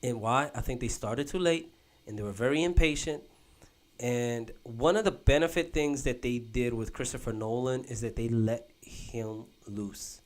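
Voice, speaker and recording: A man's voice: mid-range voice, normal speed. Rambling young man chatting on a podcast. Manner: rambling, animated, says "bro" a lot, restarts often. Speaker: podcast host. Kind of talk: casual chat. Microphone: podcast mic.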